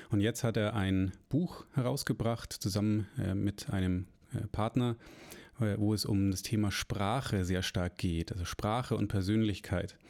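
A man hosting a podcast interview, relaxed and hesitant, often pausing with fillers. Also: fairly low pitch, gravelly. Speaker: podcast host.

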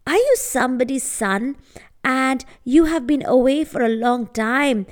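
A woman storyteller plays a small old woman traveler from a folk tale. She is weary but inquisitive, speaking politely and tentatively in a fairly high voice. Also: lively intonation, a little slow. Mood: curious, tentative. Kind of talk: acted storytelling dialogue.

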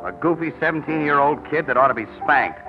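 A man's voice: fairly high pitch, lively intonation, quick pace, soft background music, lightly acted. An actor playing a harried, decent and awkwardly modest American man in an old-time radio drama. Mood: exasperated. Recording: muffled old radio broadcast recording.

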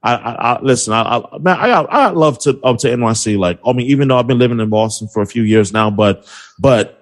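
A man's voice: medium pitch, fast. A young man from New City, chatting about sports in a rambling, trash-talking way full of fillers. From New York City. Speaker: podcast guest, sports broadcaster. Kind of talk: casual sports chat.

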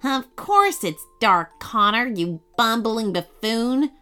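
A woman's voice: fairly high pitch, wildly swooping pitch, slow pace, pushed and bright, faint music behind, full character voice. A woman voicing a rude, bossy female burglar in a storybook reading, barking and scornful.

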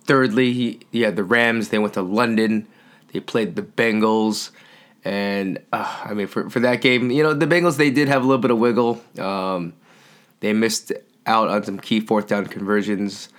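A man hosting a sports podcast, chatting casually in a relaxed, rambling way with many fillers. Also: on the low side, normal speed. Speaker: podcast host.

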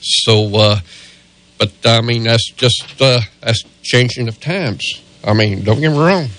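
A man's voice: medium pitch, a little slow, a bit bright. Folksy older Southern man, rambling along. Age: middle-aged or older. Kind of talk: casual chat.

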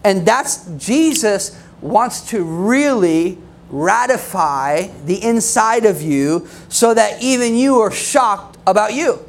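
A man's voice: high-pitched, lively intonation, slow, hardly any pauses. Conversational male preacher giving a sermon. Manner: conversational, laughing asides, acts out quoted voices.

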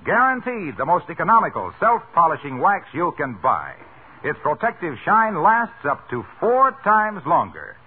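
A man's voice: a little high, wildly swooping pitch, normal speed, husky, phone-quality sound. A man announcing in the style of a 1940s radio serial, with a polished, emphatic, scripted sales delivery. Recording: band-limited, noisy vintage radio broadcast.

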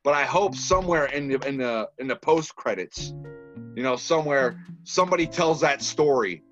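In a muffled recording with soft music in the background, a man from Massachusetts with a Boston accent tells stories casually as a podcast guest. A filmmaker, he animatedly acts out quoted dialogue, speaking at a moderate pace in a mid-range voice.

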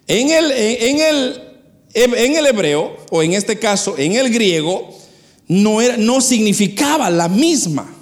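A man's voice: high-pitched, sing-song, slow. A man preaching a sermon, explaining things and addressing the congregation directly, often repeating words as he restarts.

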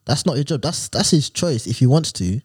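A man's voice: mid-range voice, lively intonation, fairly quick, a little mellow, breathy edge. A young man with a London urban roadman accent, chatting bluntly and dismissively in street slang. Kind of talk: casual banter in street slang.

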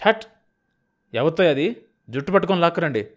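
A bullying senior police officer, coarse and short-tempered, barking sneering questions at the people in front of him. He sounds like a rough man in charge, as a male narrator puts him on in an audiobook. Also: fairly high pitch, expressive, normal speed, lightly acted. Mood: furious.

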